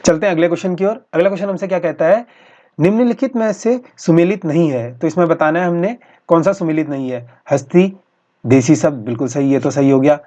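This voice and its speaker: A male teacher going through practice exam questions in a steady, explanatory way, often repeating each answer. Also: on the high side, fairly quick. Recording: dull lo-fi recording.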